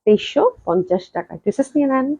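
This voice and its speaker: Fast-talking woman on a live sale. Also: medium pitch, expressive, darkish tone. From Bangladesh. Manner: chatty, repeats prices, mixes in English phrases; talks slowly on purpose to hold back a cough. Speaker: clothing shop live-sale host. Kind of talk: fast live-stream sales pitch. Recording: dull lo-fi live-stream audio.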